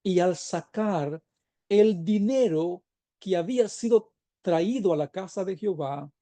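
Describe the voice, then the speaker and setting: A man preaches a sermon in a church, earnest and emphatic, reading scripture slowly and asking one rhetorical question after another. His voice sits high but sounds deeply mellow and dark. The recording is dry and close, with no room echo. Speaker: pastor.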